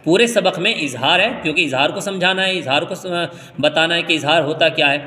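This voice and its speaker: A man from India teaching Quran reading, spelling out letters slowly and then explaining the rules quickly. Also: a little high, pushed and bright, big-room sound. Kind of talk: step-by-step recitation lesson.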